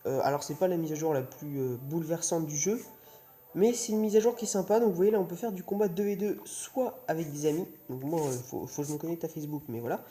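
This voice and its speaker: A man's voice: fairly high pitch, quick pace, warm tone. A young man hosting a gaming video in casual, hesitant, rambling commentary, his mouth sore after wisdom teeth surgery. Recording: music playing behind the voice. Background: music.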